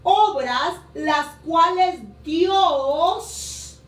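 Woman pastor from honduras preaching slow and emphatic, high voice, echoey room, kinda far from the mic. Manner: emphatic preaching, stretching key words slowly. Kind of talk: sermon. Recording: roomy echo, voice a bit distant.

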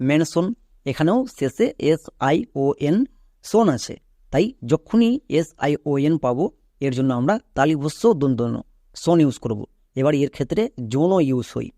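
A man's voice: on the high side, mellow, no room sound, clean studio sound. A young man with a Bengali accent teaching English spelling in a lesson, explaining step by step and answering his own questions. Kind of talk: classroom-style spelling lesson.

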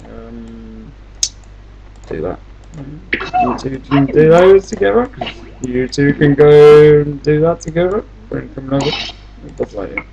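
Muttering to themselves through long pauses, a gamer casually narrates their own play and repeats phrases a lot in a slow, creaky, mid-range voice. The sound is lo-fi with a noisy background.

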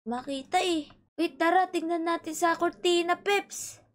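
Brief: woman host of a block-game role-play, extremely high squeaky voice, polite and fussy. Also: measured pace. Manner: polite, excitable, fussing.

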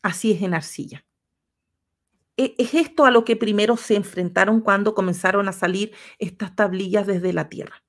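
A woman's voice: mid-range voice, normal speed. Woman, history lecturer, livestream lesson, patient, step by step. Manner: patient, walks through slides step by step.

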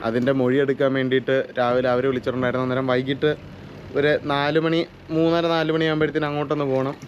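A man's voice: mid-range voice, completely flat delivery, fast, dull audio, slight background noise. A young man from chatting casually to his viewers in a home vlog, teasing and talkative. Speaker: vlogger. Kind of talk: casual family vlog chat.

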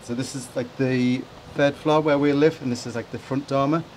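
A man renovating old windows, explaining his work to camera in a relaxed, hesitant way with lots of ums. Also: medium pitch, moderate pace, a little hiss or hum, low-quality recording. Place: top-floor room of a château.

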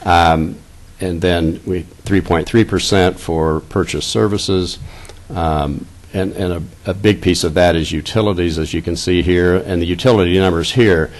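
Man, fifties, low voice, halting budget presentation, desk mic, boardroom dais. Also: steady tone. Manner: halting, repeats words while reading out figures. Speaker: school district finance officer. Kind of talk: budget presentation at a public meeting. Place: large indoor boardroom, seated at a dais. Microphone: desk microphone.

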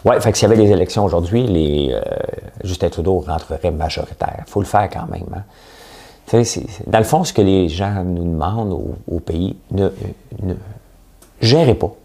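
A man's voice: deep voice, normal speed, mellow. A man with a Québécois French accent, hosting a show and delivering a chatty, sarcastic opinion monologue. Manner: chatty, sarcastic, mimics voices. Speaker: podcast host.

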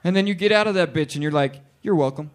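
A man doing a crude, animated stand-up routine in a bar and grill, acting out characters as he goes. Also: high-pitched, rapid-fire. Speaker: stand-up comedian.

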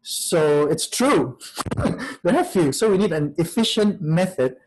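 A man in his fifties, a priest giving a spiritual talk on a video call, reflective and questioning, with soft laughs. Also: a little high, animated, slow pace, slight background noise, rough recording. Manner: reflective, asks many questions, laughs softly. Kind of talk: spiritual talk to an online audience. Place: small room, in front of a plain wall. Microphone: webcam on a video call.

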